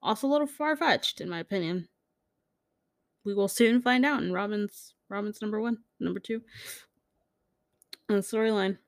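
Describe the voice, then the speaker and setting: A woman's voice: medium pitch, moderate pace, long pauses, no room sound. Woman podcaster reading comments, super casual, swears a lot, laughs, dry close sound. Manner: acts out quoted characters in jumped-up voices. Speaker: podcast host.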